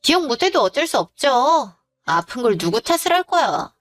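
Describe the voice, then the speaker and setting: A woman's voice: sits high, sing-song, moderate pace, a bit bright. A woman voicing a rude, arrogant young sister-in-law who talks with sneering contempt.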